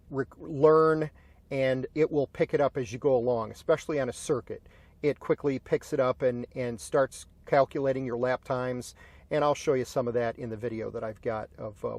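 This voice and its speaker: A man's voice: mid-range voice, vocal fry. A man with an American accent explaining and narrating as the host of a car video. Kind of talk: explanatory tutorial and storytelling narration.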